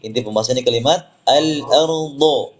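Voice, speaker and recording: A man teaching tajwid, explaining slowly, repeating words and reciting examples for students to echo. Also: medium pitch, lo-fi sound.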